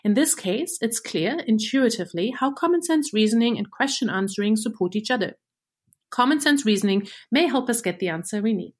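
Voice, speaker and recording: The speaker is a German research engineer, a woman whose native language is German, presenting a clear, measured scripted segment on machine learning. Her voice is fairly high and animated.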